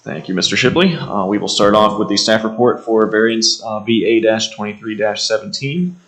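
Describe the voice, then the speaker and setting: A man's voice: fairly low pitch, moderate pace, fairly bright tone, low-quality recording. An American man formally presenting a staff report, methodically reading out details with frequent hesitations. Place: indoor township meeting room.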